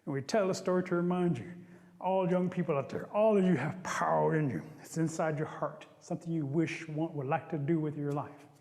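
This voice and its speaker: A man telling a traditional animal story to young listeners, expressive and animated. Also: a little high, fairly quick. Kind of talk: oral storytelling. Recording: long hall reverb.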